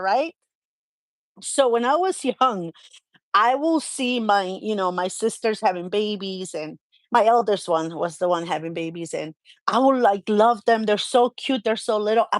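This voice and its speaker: A middle-aged woman co-hosting a chat show, talking casually in an animated storytelling manner. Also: medium pitch, dry recording.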